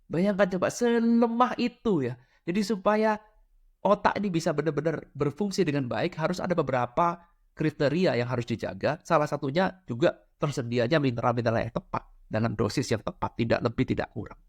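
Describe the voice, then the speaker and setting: A man with a notably high voice for his sex talks through a casual spiritual lecture. He explains his points with everyday examples. He checks in often with his listeners. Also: a little fast. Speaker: spiritual teacher.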